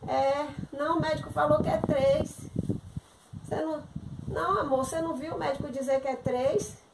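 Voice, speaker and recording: A woman performs a one-sided comic phone call at home. She sounds chatty and exasperated, pleading and complaining, with a slightly high voice. The recording is echoey, with loud household noise behind her. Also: fairly even intonation, normal speed, creaky. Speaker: content creator acting a comic sketch.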